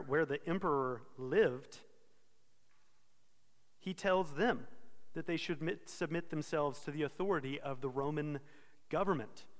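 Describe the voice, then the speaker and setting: Pastor, male, somewhat high voice, earnest sermon delivery, reverberant hall. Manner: earnest expository preaching with self-corrections.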